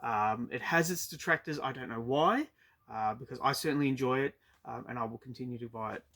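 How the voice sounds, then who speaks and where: Halting Australian man reviewing comics. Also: medium pitch, a bit bright. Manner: hesitant, many ums and uhs. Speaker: comic book collector vlogger. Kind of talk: casual review chat. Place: storage unit.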